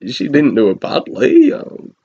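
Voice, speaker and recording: A man's voice: medium pitch, huge pitch swings, unhurried, a little mellow, breathy edge. A man giving a casual spoken film review, rambling with frequent ums and restarts and the odd chuckle. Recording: dull lo-fi recording.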